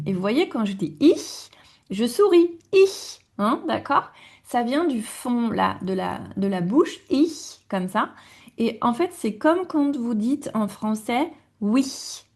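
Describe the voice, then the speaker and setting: A middle-aged woman teaching a German lesson, patient and repeating words slowly for learners. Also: medium pitch. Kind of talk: online language lesson.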